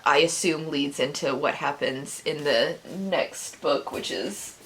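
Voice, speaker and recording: In a rough recording, a woman with a deep voice speaks slowly as she casually retells a book's plot for her review vlog. She giggles and laughs through her sentences, adding sarcastic side comments.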